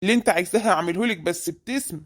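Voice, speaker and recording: A performer voicing a stingy, grumbling middle-aged husband with an Egyptian accent, who scolds his wife in a quick, nagging way. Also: mid-range voice, fairly bright tone, natural voice. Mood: wary.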